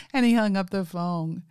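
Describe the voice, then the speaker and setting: A woman's voice: medium pitch, a little mellow, no room sound, studio quality. A middle-aged woman hosting a podcast, telling a story in a casual, unscripted way. She laughs often and talks straight to her listeners. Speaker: podcast host.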